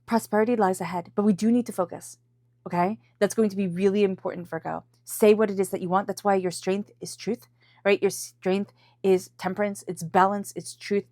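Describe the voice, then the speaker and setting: A congested tarot reader, suffering from a head cold, gives viewers an intuitive reading and keeps repeating phrases for emphasis. Her mid-range voice is a little mellow, with fairly even intonation and a fairly quick pace, in clean studio sound with no room sound.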